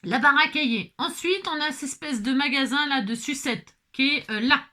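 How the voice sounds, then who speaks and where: Chatty bright-voiced woman crafting. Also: high voice, a little fast. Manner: chatty, talks to herself, exclamatory; mutters and grumbles when things go wrong. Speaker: DIY crafting vlogger. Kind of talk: casual talk while assembling a kit.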